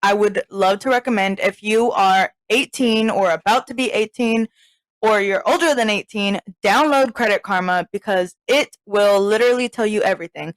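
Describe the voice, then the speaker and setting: A woman's voice: mid-range voice, normal speed, no echo, rough recording. A young woman co-hosting a casual podcast, blunt and profane, laughing often. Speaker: podcast co-host. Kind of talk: casual chat.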